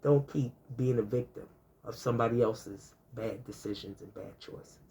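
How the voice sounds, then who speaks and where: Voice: medium pitch, normal speed, gravelly, warm tone, a little hiss or hum. A speaker in their fifties giving casual life advice to camera, talking conversationally, repeating points and stacking long lists of examples. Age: 50s. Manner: conversational, repetitive, peppered with "you know". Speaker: advice vlogger.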